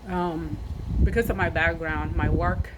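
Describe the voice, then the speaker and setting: Wind noise fills this outdoor recording of a woman in her thirties from South Sudan, a nurse and army veteran telling her own story directly to camera. Her earnest, measured delivery repeats phrases for emphasis. She speaks in a low voice with fairly even intonation.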